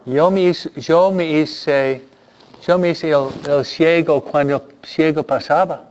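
A man preaching a sermon, animated and repeating phrases for emphasis. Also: fairly high pitch, slow pace, highs cut off.

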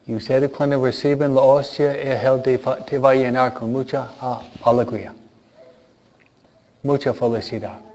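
Priest, man; slow, questioning catechism talk to kids, acts out small dialogues; muffled recording. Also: medium pitch, fairly even intonation, a little mellow. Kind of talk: catechism talk to children and parents. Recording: dull lo-fi recording.

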